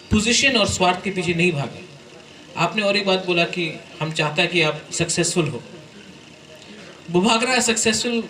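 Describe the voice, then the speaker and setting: A man's voice: high voice, sharp tone, a little hiss or hum. A man giving an impassioned public speech to students, exhorting them and mixing in English phrases, then taking questions. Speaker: community leader addressing students. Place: hall with students. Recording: echoey hall.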